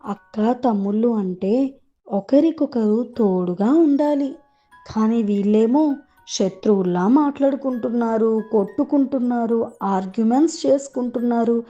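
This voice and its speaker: Woman voicing a soft-spoken loving mother. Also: a little high, normal speed, natural voice. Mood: worried. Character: loving tearful mother of two squabbling kids. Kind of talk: storybook narration. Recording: dull lo-fi with music behind.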